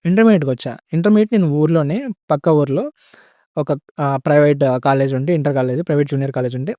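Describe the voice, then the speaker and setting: Young man, chatty podcast guest; quick, slightly high delivery, dry close mic. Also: warm tone, dry recording. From India. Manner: chatty, says "bro" often, mixes in English words. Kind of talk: casual podcast storytelling.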